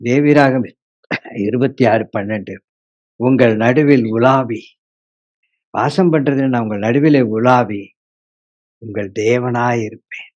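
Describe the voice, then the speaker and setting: A male pastor preaching a sermon, acting out his congregation's complaints in a lively way. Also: mid-range voice, measured pace, lo-fi sound.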